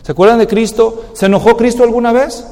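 A man preaching with a high voice that fills a church hall with long reverb. He talks animatedly as a pastor, slipping into quoted voices to act out little scenes. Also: steady tone, quick pace, mellow. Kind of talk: sermon.

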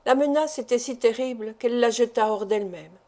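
Woman narrator, classic novel audiobook, measured reading, fairly high mellow voice. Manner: measured, deliberate literary reading. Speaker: audiobook reader.

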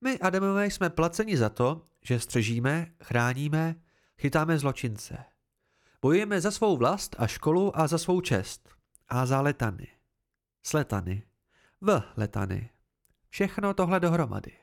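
Stern female sword mentor, blunt and lively-voiced, as a male reader puts her on for an amateur audiobook. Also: a little high, vocal fry. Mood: instructive. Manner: blunt, instructive, measured.

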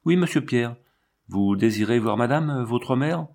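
A man's voice: mid-range voice, lively intonation, a little slow, gravelly, a little mellow. A man reading aloud, voicing a blunt, outspoken old male servant in a storybook. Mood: wistful.

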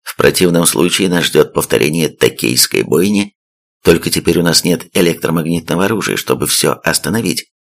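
A man's voice: low voice, lively intonation, a little fast, gravelly, a bit bright, exaggerated voice. Man voicing a curt, stern army captain. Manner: curt and commanding.

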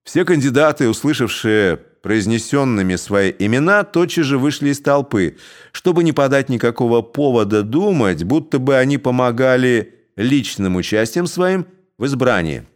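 A man narrating a classic tale as an audiobook, in an expressive, unhurried way. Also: medium pitch.

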